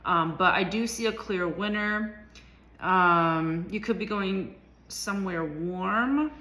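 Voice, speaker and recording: A woman's voice: fairly low pitch, takes it slowly, sharp tone. A woman giving a casual tarot reading, talking loosely with many ums and likes. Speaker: tarot reader.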